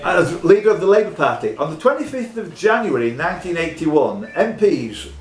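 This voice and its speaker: At a moderate pace, a man with a highish, sing-song voice hosts a pub quiz live, reading questions and exchanging jokey jabs with contestants. The recording picks up the pub's echo and the audience of quiz players.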